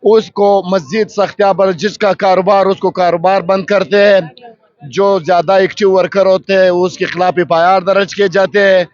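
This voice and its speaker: Fervent high-voiced man at a rally. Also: fairly even intonation, dry recording. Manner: fervent, rousing, declamatory. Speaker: party worker at a rally. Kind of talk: impassioned political speech to a reporter. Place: outdoor political rally. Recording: dull lo-fi field recording.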